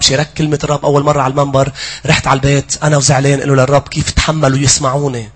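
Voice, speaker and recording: A man with a Lebanese accent preaching a sermon, swinging between loud pleading and hushed asides. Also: on the high side, breathy edge. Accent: Lebanese Arabic.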